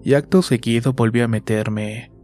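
A man reading a first-person horror story in a slow, measured, scripted narration. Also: mid-range voice, fairly even intonation, dark tone. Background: faint music.

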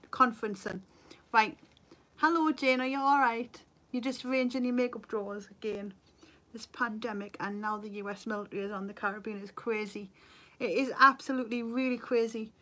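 Speaking with a Geordie accent, a North East England woman in her thirties hosts a makeup livestream from her bedroom at home, captured by a desk webcam. Her voice is fairly high and sharp; she's chatty and a bit tired, laughing easily as she reads out viewer comments.

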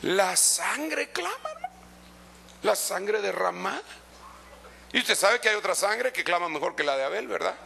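A middle-aged male pastor with a Guatemalan accent, preaching in an impassioned, conversational way that swings from loud exhortation to hushed asides. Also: sits high, sing-song, normal speed, gravelly, pauses often, slight background noise. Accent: Guatemalan Spanish. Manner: conversational, addressing listeners as brother. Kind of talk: preaching sermon.

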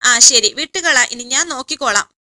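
A woman's voice: high-pitched, normal speed, bright, forceful tone. A woman voicing a brusque young man scolding a crying girl on the phone, in a serial story recap. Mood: impatient. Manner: curt, scolding. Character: impatient curt young man.

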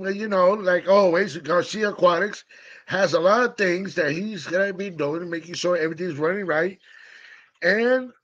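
A man's voice: high voice, a bit bright, muffled recording. A man hosting his aquarium vlog from the fish room in his living room, talking in a hyped, playful way and repeating his phrases. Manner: hyped, playful, repeats phrases, does mock announcer bits. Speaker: aquarium channel host. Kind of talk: casual hobby vlog.

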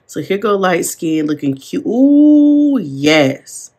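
A woman chatting casually while decorating her planner, excitable and gushing, with rambling asides. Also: deep voice, slow. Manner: excitable, gasping and gushing over stickers. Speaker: planner vlogger. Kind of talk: casual plan-with-me chat. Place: seated at a desk at home.

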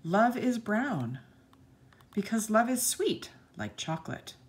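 A woman with a mid-range voice slowly reads a picture book aloud to young children. She addresses them directly and tells the story expressively.

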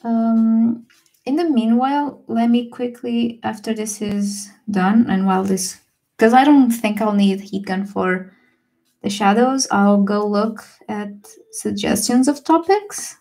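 A young woman livestreaming a watercolor session, chatting casually and relaxed with fillers and small laughs. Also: a little high, takes it slowly. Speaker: watercolor artist streamer. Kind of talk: casual livestream chat while painting.

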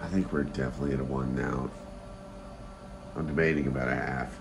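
Deep voiced guy rambling into his phone, blunt room review, swears a bit, noisy audio. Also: fairly even intonation, a little fast, vocal fry. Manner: blunt, rambling, mildly profane. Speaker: travel vlogger. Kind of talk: casual vlog chat, reviewing a motel room. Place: hotel rooms and hallways, indoors. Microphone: phone at arm's length. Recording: noisy handheld phone recording.

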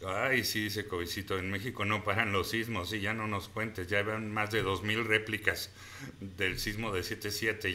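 A man's voice: sits low, bright, forceful tone, slight background noise. Man chatting with live viewers. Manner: chatty, reads viewer comments aloud and thanks them by name. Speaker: live stream host. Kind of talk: casual live-stream chat reading comments.

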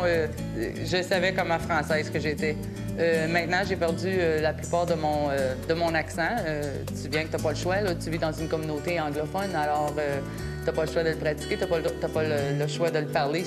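A woman from the north speaks in a low, steady voice in a documentary interview. She is forthright and determined. Soft music plays faintly underneath. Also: brisk. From Hearst, Northern Ontario. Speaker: interviewee, community member.

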